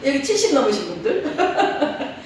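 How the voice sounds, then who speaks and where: Lively woman preaching in an echoey hall. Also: sits high, moderate pace, slight background noise. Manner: lively preaching with frequent laughs and call-and-response. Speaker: pastor. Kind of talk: sermon. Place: church sanctuary. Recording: echoey church hall from far off.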